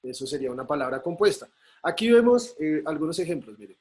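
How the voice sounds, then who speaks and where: A man's voice: on the high side, very animated, fast talker, a little mellow. A male teacher, patiently explaining a lesson over a video call and often checking in with his students. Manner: patient, checks in with frequent tag questions. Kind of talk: online class explanation.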